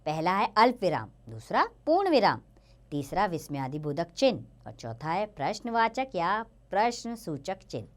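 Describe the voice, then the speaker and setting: A woman gives a children's grammar lesson in a lower, sing-song voice. Her pitch swings widely as she stresses each example sentence. She speaks in a teacherly tone to young learners. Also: sing-song, normal speed.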